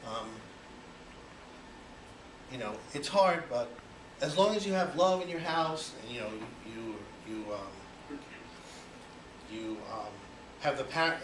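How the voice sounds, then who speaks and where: A Cuban-born man in his forties giving a personal speech to an audience, chatty and full of you-knows. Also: fairly high pitch. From Cuba. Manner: conversational, many you-knows, rhetorical questions. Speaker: speaker giving an icebreaker speech. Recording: echoey room, voice from far off, noisy.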